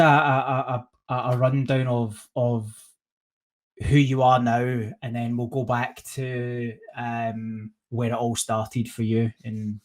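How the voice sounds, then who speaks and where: A podcast host with a mid-range, slightly mellow voice chats his way through a casual interview, frequently restarting and repeating words.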